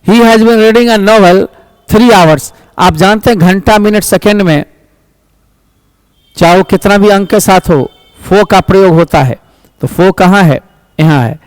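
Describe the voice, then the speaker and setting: High-voiced man teaching grammar. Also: dry recording, low-quality recording. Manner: reads English sentences slowly, explains quickly in Hindi; addresses students as "my child". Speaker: English teacher. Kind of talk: exam-prep grammar lesson.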